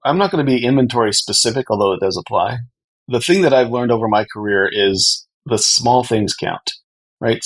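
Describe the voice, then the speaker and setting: A man's voice: lowish voice, rough recording. A man speaking as an expert podcast guest, explaining things earnestly and conversationally. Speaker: podcast guest, company co-founder.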